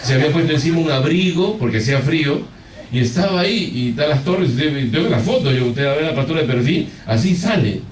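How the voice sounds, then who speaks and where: A male pastor preaches a sermon, telling a story with animation and addressing the congregation directly. His voice is on the high side, expressive and fast, recorded far from the mic in an echoey hall with a little hiss or hum.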